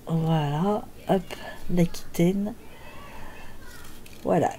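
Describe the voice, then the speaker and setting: An older woman speaks slowly and unhurriedly in a fairly low, mellow voice. She hosts a casual knitting show-and-tell, pausing often and filling the gaps with hesitant filler sounds. A faint hiss of noise sits under her voice. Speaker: knitting podcast host.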